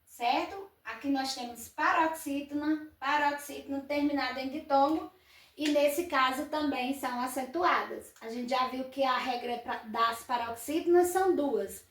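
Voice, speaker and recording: A woman's voice: high voice, normal speed, distant mic. A woman teacher working through grammar exercises, patiently asking and answering her own questions. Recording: echoey room, voice set back from the mic.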